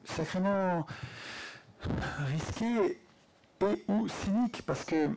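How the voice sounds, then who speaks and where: A man speaking at a public conference debate into a handheld mic in a lecture hall, animated and insistent. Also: high voice, slow, noisy background.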